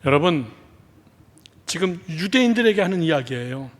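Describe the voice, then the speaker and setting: A man preaching a sermon as pastor, dramatic, swinging between loud exclamations and hushed whispers and leading the congregation in call and response. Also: a little high, big pitch swings, moderate pace, big-room sound. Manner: acts out quoted speech of biblical characters. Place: church sanctuary.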